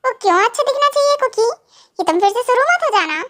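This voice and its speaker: A woman's voice: extremely high pitch, animated, fast talker, a bit bright, pitched above the performer's own voice. A woman voicing a stern, protective young husband who lectures his wife, in a fan audio drama.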